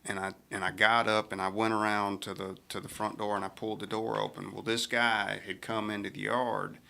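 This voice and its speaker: Man, middle-aged, gravelly, crisp bright tone, rambling radio storytelling. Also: lowish voice, level tone, fairly quick. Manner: rambling anecdotes with restarts. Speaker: sheriff, radio show regular. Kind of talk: casual radio chat, storytelling.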